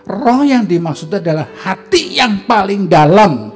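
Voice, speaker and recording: A middle-aged man with an Indonesian accent, preaching a sermon as a pastor and telling a personal story, acting out the dialogue in a livelier, higher voice. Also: sing-song, a little slow, a little mellow. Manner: storytelling, acts out dialogue with rising pitch, laughs. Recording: faint music behind.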